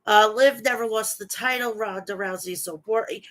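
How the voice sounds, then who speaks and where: A woman fighting a bad cold talks through her stuffy nose while hosting an informal wrestling recap, covering match results and chatting with her viewers. Her nasal voice is mid-range, fairly bright, and moves at normal speed.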